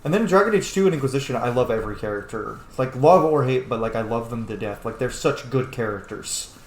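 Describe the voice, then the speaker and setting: A gameplay host talks fast in a medium-pitched, expressive voice, delivering casual, rambling commentary full of opinions and some swearing. The room is echoey, with faint background noise.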